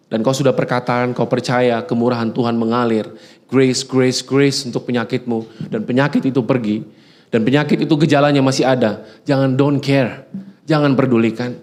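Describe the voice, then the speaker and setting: A middle-aged male pastor preaching a lively sermon, swinging from quiet musing to loud urging and acting out chatty dialogues. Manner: animated, swings from low musing to loud exhortation; acts out dialogues with God in a chatty tone.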